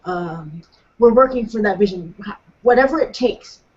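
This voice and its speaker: A woman's voice: medium pitch, animated, normal speed, lo-fi sound, slight background noise. A woman guest in an online discussion, speaking thoughtfully and hesitantly with many fillers. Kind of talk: casual discussion.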